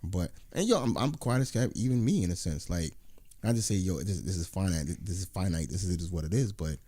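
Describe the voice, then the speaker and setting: Man, very low voice, quick slangy delivery, dark tone, dry close sound. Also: expressive, breathy edge, no echo. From United States. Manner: loose slangy talk, says "yo" and "you know what I'm saying". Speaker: podcast co-host. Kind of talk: casual chat.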